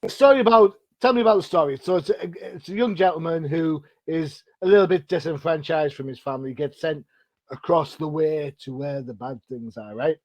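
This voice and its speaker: A middle-aged British podcast host runs a casual interview chat, chatty and self-deprecating, with rambling questions. His fairly high voice is brisk and a little mellow in a dry recording.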